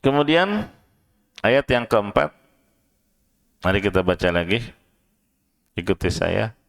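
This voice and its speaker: A man's voice: fairly low pitch, sing-song, creaky. A man with an Indonesian accent teaching a study session in a mosque. He explains in plain everyday speech and often checks in with his listeners. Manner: chants verses slowly, then raises his voice to act out the shouting. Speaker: Quran teacher.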